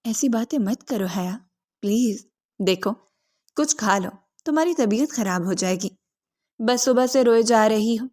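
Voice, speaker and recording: A woman's voice: fairly high pitch, darkish tone, close to an everyday voice. A woman voicing a possessive young man who pleads earnestly with his bride. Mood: intense pleading.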